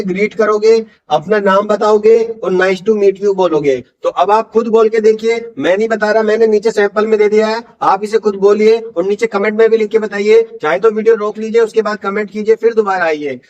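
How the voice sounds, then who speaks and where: A man teaching spoken English in Hindi, slowly modelling English phrases for learners to repeat. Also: sits high, recorded from a distance, highs cut off.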